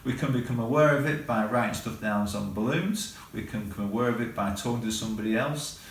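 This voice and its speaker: A man coaching in a calm, instructive webinar talk on stress, walking listeners through breathing exercises. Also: fairly low pitch, brisk. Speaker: mindset coach. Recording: roomy, distant mic, faint noise.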